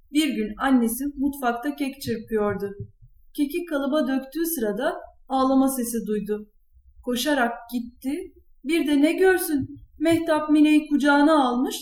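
A woman reading a children's story aloud in a clear, expressive way. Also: sits high. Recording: echoey room.

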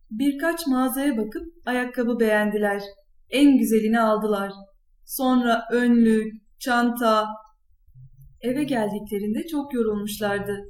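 High-voiced woman reading a children's story. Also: darkish tone. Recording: echoey room.

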